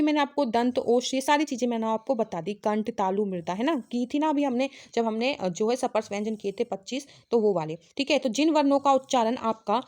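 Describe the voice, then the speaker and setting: A young woman teaches an exam-prep lesson in a fairly high voice. She explains patiently, repeating each point and checking in with her students every few words. When she reaches the letters, she spells them out slowly, one by one. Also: darkish tone. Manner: repeats "ठीक है" and "भाई" as constant checks.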